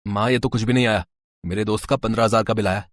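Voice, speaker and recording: A man's voice: lowish voice, fairly even intonation, fast talker, close to an everyday voice. A man voicing a grown son who casually brushes off his mother's worries in a cartoon story. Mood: dismissive.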